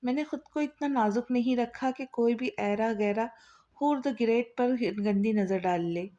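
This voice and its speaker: A woman voicing a bold, sharp-tongued young woman who teases and bosses others, in a storybook reading. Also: on the high side, moderate pace, lightly acted. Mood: teasing. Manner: bossy, teasing.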